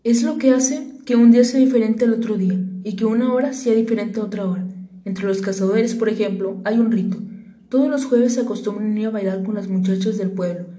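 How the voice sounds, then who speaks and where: A wise, gentle fox from a storybook, as a woman reader puts him on. His voice is warm and mellow, and he speaks with a patient, tender cadence. The reading carries a roomy echo. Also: medium pitch, fairly even intonation, fairly quick, close to an everyday voice.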